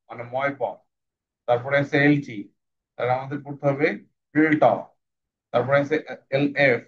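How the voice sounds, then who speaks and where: A man teaching English phonics to young students in an online class, patiently and slowly repeating sounds for them to copy. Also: medium pitch, muffled recording.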